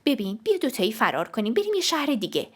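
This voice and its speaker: A worried young sister who pleads urgently in a lifted, higher voice, as a woman narrator puts her on. She is protective and insistent, speaking in an audiobook reading. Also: very animated, fairly bright tone, husky, exaggerated voice.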